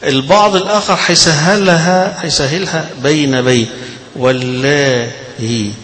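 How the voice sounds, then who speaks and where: A man with an Egyptian Arabic accent teaching a religious lesson on Quran readings and their meaning, moving between chatty explanation and slow, drawn-out recitation. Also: mid-range voice, a bit bright, low-quality recording.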